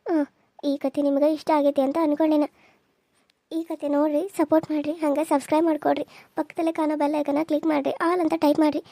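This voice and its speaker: A woman's voice: sits high, little pitch movement, fast, mellow, dry recording, clean studio sound. A woman, earnestly pleading with viewers in a chatty way as a cartoon serial's narrator.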